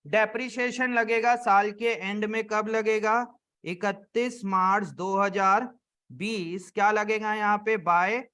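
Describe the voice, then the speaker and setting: A man teaching an accounts class in Hindi with English terms, asking the students questions and answering them himself, and dropping to a low murmur when he scolds or adds up sums. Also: a bit bright. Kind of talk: classroom lecture.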